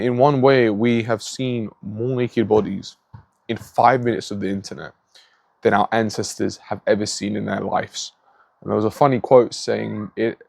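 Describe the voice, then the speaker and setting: Gravelly-voiced man giving an earnest talk. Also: lowish voice, a little mellow, no echo. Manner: earnest and moralizing, with frequent restarts. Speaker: host of a faith-based monologue vlog. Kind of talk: casual spoken monologue. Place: at home, facing a garden pond. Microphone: phone.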